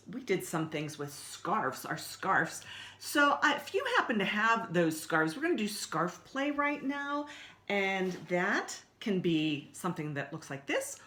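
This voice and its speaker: Leading a story time for young children, a woman explains songs, stories and activities in simple, encouraging, repetitive words. Her voice is medium-pitched, pushed and bright.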